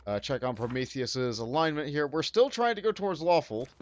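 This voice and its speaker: Animated man thinking aloud over a game. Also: on the high side, fairly quick, dull audio. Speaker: let's play host. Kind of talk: casual game commentary.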